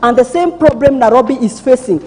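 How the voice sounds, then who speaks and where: A woman's voice: high-pitched, expressive, fairly quick, mellow. A woman with a Kenyan accent speaking as a member of parliament, protesting insistently and repeating herself. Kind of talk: parliamentary floor debate. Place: large parliamentary chamber. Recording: reverberant large hall.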